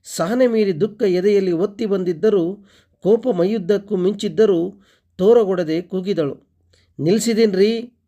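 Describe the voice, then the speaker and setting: A man reading a short story aloud as narrator and teacher, steady and expressive. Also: high-pitched, unhurried.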